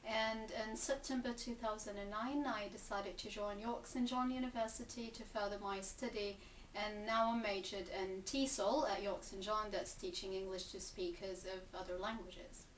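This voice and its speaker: A woman's voice: medium pitch, steady tone, normal speed, slight background noise. A woman, answering interview questions thoughtfully, with frequent ums and restarts. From Gaza Strip, Palestine. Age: 20s. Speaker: interviewee, English teacher and graduate student. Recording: echoey room, mic at a distance, faint ambience.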